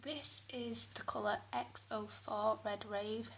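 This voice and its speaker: A woman's voice: on the high side, steady tone, slow, creaky, a little hiss or hum. A woman chatting casually through a beauty product review, recorded in a small bathroom that gives her voice an echo. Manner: chatty, rambling. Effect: room echo off bathroom walls. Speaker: beauty vlogger.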